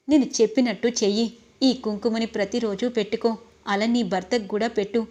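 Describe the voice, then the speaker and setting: An older village priestess handing out earnest, firm instructions, as a woman storyteller puts her on. The voice sits fairly high. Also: natural voice.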